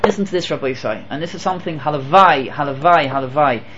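A man giving a Torah lecture as a rabbi. He mixes Hebrew and Yiddish terms into his English and swings between emphatic and hushed delivery. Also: a little high, fast talker, dull audio, noisy background.

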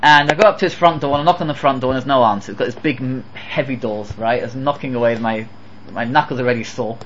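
A man giving a Torah lecture as a rabbi. He mixes Hebrew and Yiddish terms into his English and swings between emphatic and hushed delivery. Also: mid-range voice, fast, lo-fi sound, noisy background.

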